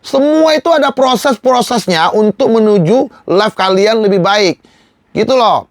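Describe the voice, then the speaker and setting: A young man with a noticeably high voice talks viewers through a slide tutorial in a casual, slangy way. He is emphatic, answers his own rhetorical questions and keeps circling back to reminders. The recording is close and dry, with no room sound. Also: expressive, normal speed, no room sound. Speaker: live-selling coach. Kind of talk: slide-based tutorial talk.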